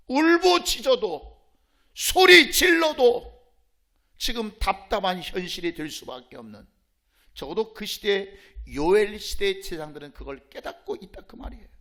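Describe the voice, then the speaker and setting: A male pastor preaching a sermon with passion. He asks rhetorical questions, repeats his pleas, and swings from hushed asides to shouting. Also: high voice.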